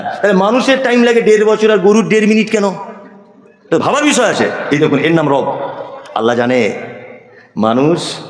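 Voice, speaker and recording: A man preaching a sermon with a West Bengal accent, asking the crowd questions and answering them, and acting out animal voices as he tells stories. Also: fairly high pitch. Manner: acts out animal voices in a storytelling way. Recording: echoey hall sound.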